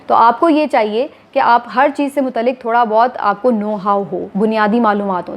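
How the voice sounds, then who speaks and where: A woman, a TV anchor calmly explaining to viewers, step by step, how to become a news anchor. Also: fairly high pitch. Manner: steady, explanatory, addressing viewers formally. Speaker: TV anchor giving career advice. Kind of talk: instructional talk to camera.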